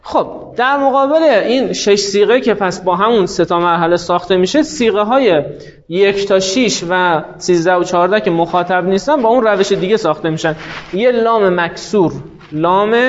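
A man teaching a class, explaining step by step and asking rhetorical questions that he answers himself. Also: high voice. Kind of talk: classroom lecture. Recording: dull lo-fi recording.

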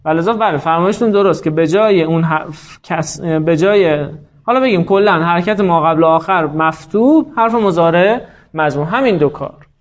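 High-voiced male teacher, lo-fi classroom. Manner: explains step by step, quizzes students by name. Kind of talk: classroom lecture.

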